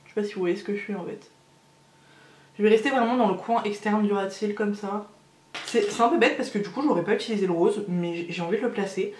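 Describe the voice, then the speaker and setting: A woman's voice: mid-range voice, fast talker, darkish tone, reverberant, slight background noise. A woman chatting casually through a makeup tutorial, gushing over each product with lots of hesitations. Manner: chatty and gushing, many fillers. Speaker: beauty vlogger.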